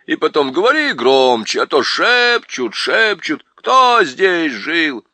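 A man voicing a hard-of-hearing, grumpy old dwarf lord who talks loudly and mishears. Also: fairly high pitch, sing-song, takes it slowly, dry recording, voice pushed up, heavily acted. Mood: irritated. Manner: loud, cranky, mishears words.

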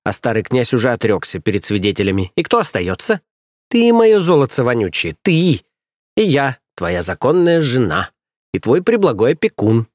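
A man voicing a coarse, scheming stout nursemaid woman who scolds and sneers in a raised, shrill voice. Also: big pitch swings, brisk, dry recording, clean studio sound. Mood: scolding. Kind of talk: audiobook character voice.

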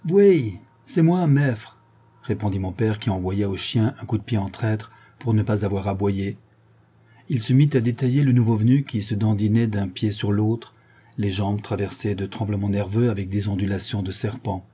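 A man narrates an audiobook at a steady, measured pace. His voice sits low and dark, with a husky grain in it. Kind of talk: scripted narration.

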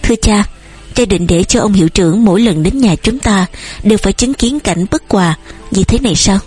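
A woman with a breathy voice reading the lines of a polite young farm son who speaks softly. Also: mid-range voice, brisk, faint music behind, close to an everyday voice. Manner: soft, polite.

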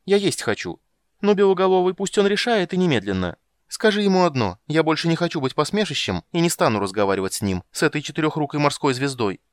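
A man doing a shrill sing-song siren. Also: big pitch swings, fast, no echo. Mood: haughty demanding. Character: vain, shrill female siren of the sea.

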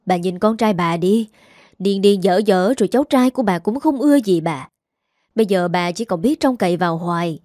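Woman doing defiant young schemer, accusing, sharp-tongued, mellow dark voice. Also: medium pitch, no room sound, studio quality, natural voice.

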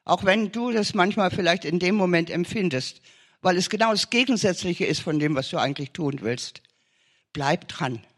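A man's voice: high-pitched, normal speed, a bit bright. A man preaching an urgent sermon testimony, pressing listeners with emphatic, repeated short commands.

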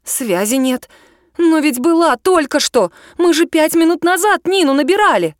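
A woman voicing a panicked young woman desperate to find her missing friend, shrill and frantic. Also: expressive, moderate pace, dry recording, studio quality. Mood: alarmed.

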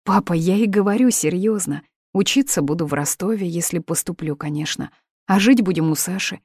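A woman's voice: on the low side, fairly quick, darkish tone, husky, no room sound. A woman reading the part of an eighteen-year-old daughter, pleading and emotional, in a dry, close recording.

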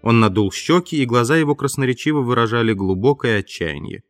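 A man narrating an audiobook in a measured, even storytelling manner. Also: mid-range voice, dry recording, faint music behind. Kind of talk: scripted narration.

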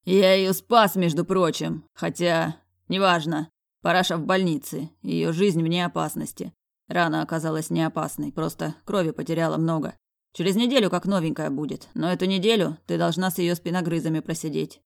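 A woman's voice: on the low side, fairly even intonation, moderate pace, no echo. A woman voicing a crude, short-tempered man who talks bluntly and rudely, in a dry recording. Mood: gruff. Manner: gruff, blunt, rude.

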